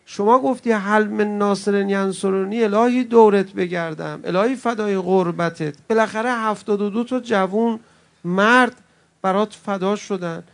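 A man with a notably high voice preaches an emotional religious sermon. He moves from soaring, impassioned cries down to hushed, close words for his listeners. His tone toward the crowd is friendly and familiar. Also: vocal fry. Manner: swings between loud impassioned cries and soft, intimate address to the audience; chummy, calls listeners friends. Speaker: preacher at a mourning gathering.

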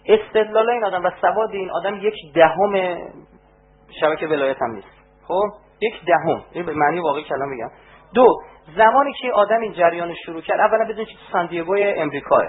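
A man giving a religious lecture, animated and rising to emphatic outbursts. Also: sits high. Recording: tinny phone-like band with faint hum.

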